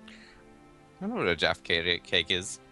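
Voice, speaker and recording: A man's voice: sits low, huge pitch swings, normal speed, sharp tone, soft background music. An easygoing American man chatting on a game stream. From United States. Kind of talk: casual chat on a game stream.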